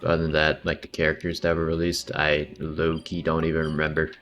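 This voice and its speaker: A game streamer chats in a relaxed, slangy way, muttering asides as video game music plays behind him. His voice is rumbling and low yet fairly bright in tone, delivered completely flat at a fairly quick pace.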